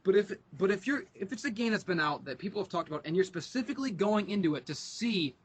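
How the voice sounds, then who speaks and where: A man's voice: sits high, animated, quick pace, husky. A young man co-hosting a podcast, chatting casually and ranting with a lot of profanity. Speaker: podcast co-host. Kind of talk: casual chat.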